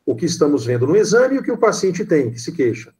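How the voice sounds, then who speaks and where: A Brazilian man moderating an online lecture, halting as he reads out audience questions. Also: fairly high pitch, very animated, darkish tone. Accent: Brazilian Portuguese.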